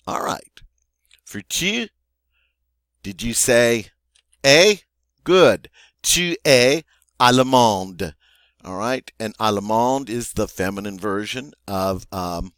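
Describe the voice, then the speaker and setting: A man teaching a French grammar lesson, patiently repeating and modelling each French form slowly. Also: lowish voice, fairly bright tone, dry recording, studio quality.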